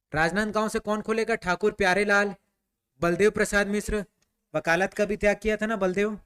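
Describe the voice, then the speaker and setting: A man teaches a history class. His voice sits high and sounds clean and smooth. He fires off questions and answers them himself, with a casual, chatty flow. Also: a bit bright. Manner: quizzing students, answering his own questions; conversational, repeats "ठीक है" often.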